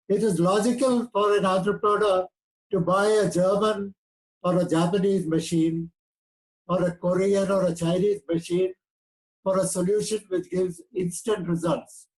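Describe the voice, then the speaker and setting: Older Indian English speaker, 80s, fairly high voice, steady lecturing delivery. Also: male voice, poor audio. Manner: measured, lecturing. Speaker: guest speaker. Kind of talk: prepared talk.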